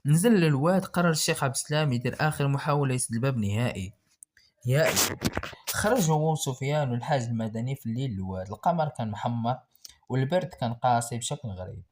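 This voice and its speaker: A man's voice: medium pitch, expressive, quick pace, darkish tone. A man with a Moroccan accent narrating a horror story in a dramatic, suspenseful way.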